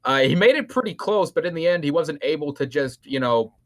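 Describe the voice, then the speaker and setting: A man doing excitable, rambling play-by-play commentary on a fan-league boxing match. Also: on the high side, a little fast. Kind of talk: esports-style match commentary.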